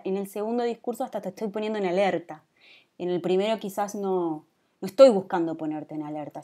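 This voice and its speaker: A woman with a Rioplatense Spanish accent gives a class lecture in a mellow, relaxed voice at a middle pitch. She explains patiently and keeps checking in with her students with a quick questioning "¿sí?". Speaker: teacher.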